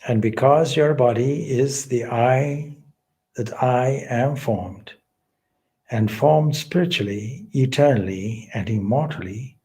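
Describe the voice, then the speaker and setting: A male spiritual teacher leads a guided meditation in a mellow, mid-range voice. His phrases are measured, deliberate, and solemn, separated by long pauses.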